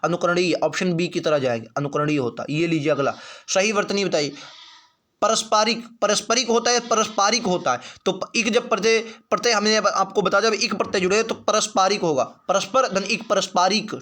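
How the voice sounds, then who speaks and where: High-voiced man drilling spelling answers. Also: a bit bright. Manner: repetitive, drilling answers, asks and answers himself. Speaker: exam prep teacher. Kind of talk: online spelling class.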